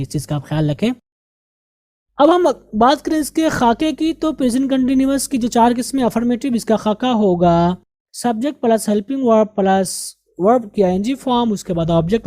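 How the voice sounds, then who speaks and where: A woman with an Indian Urdu-speaking accent teaches an English grammar and vocabulary lesson in a mellow, dark voice that is on the high side. She moves through words slowly and deliberately, repeating each one for pronunciation, in a close, dry recording.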